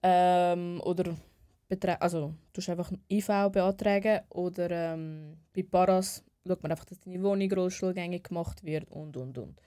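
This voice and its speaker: A woman's voice: on the low side, steady tone, normal speed, mellow. A young woman with a Swiss German accent, a nurse talking frankly and casually on a podcast, restarting sentences and laughing easily. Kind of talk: casual chat.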